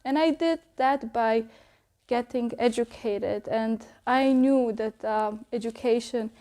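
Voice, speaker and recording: A young woman from Bosnia, giving reflective interview answers about her art and pausing often to think. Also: on the high side, warm tone. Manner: thoughtful, pausing often with ums.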